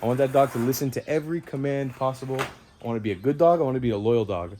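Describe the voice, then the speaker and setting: A man's voice: quick pace, slight background noise. A young man casually narrating a vlog, explaining repairs and chores. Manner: loud pitched-up dog commands; relaxed explaining tone. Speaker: vlogger.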